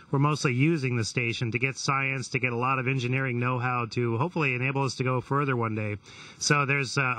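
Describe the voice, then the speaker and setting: A man's voice: mid-range voice, dry recording. A man, an astronaut, giving a reflective interview answer, picked up from a distance. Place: aboard a space station. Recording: bright, distant microphone pickup.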